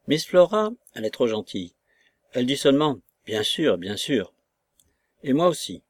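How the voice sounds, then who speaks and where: A man's voice: mid-range voice, very animated, normal speed, no room sound, clean studio sound. A man reading the lines of an anxious, kindly middle-aged housekeeper in an audiobook, in a pleading, frightened manner. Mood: gentle.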